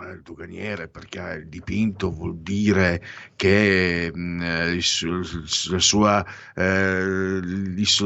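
Male host, very low voice, digressive commentator with lots of self-corrections, dull lo-fi dry sound. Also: vocal fry, fairly bright tone, dry recording. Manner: ironic asides. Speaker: radio or podcast host reading daily anniversaries. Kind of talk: casual spoken commentary with opinions.

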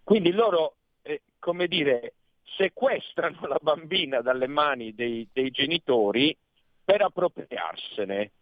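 A man speaking as a guest commentator over a phone line, arguing earnestly and pausing often with fillers. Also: a little high, expressive, dry recording. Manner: earnest, argumentative, pauses with many fillers. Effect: heard over a phone line. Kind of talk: radio talk interview. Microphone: telephone.

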